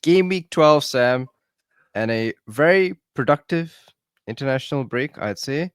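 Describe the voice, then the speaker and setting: A man's voice: medium pitch, animated, measured pace, smooth, no echo, clean studio sound. A man hosting a podcast in casual chat, upbeat and teasing, keeping things moving. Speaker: podcast host.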